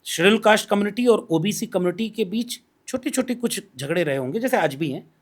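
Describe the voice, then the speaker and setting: A man as a podcast guest, talking politics in a measured, explanatory way and laying out his points one by one. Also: high-pitched, animated. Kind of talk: political discussion.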